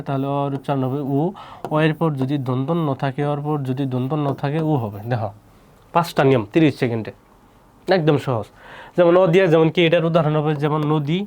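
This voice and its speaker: Male tutor; brisk exam-prep drill, repeats examples, asks "right?" often. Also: on the high side, darkish tone. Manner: repeats each example word twice, checks in with "hæ?". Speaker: teacher. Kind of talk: quick exam-prep grammar lesson.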